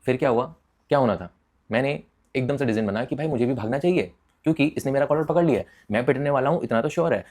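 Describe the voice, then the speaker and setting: A young man from India telling a personal story in a casual, animated way, swearing freely and mixing English phrases into his talk. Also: medium pitch, quick pace. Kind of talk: casual storytelling with crude slang.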